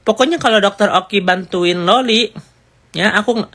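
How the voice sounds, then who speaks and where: Man doing a furious middle-aged mom, shrill and scolding, pitched very high. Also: normal speed, a bit bright. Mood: angry. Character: angry scolding mother, middle-aged woman.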